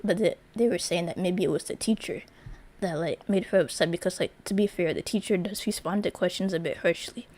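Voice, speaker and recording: Young adult female streamer, casual story time, lower-pitched voice, loose and rambling delivery. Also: fairly quick, darkish tone. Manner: rambling, filler-heavy, many restarts.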